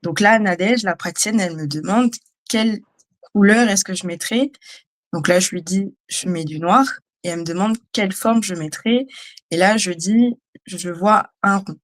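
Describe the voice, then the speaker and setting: A woman giving a personal testimony, speaking in a hesitant, halting way with many fillers. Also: medium pitch. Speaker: guest, trainee.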